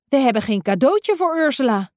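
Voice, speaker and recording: A woman doing a cheerful male friend from a children's storybook, eager and chatty. His voice leaps around in pitch and sounds clean and close. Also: very animated, normal speed, darkish tone, no room sound.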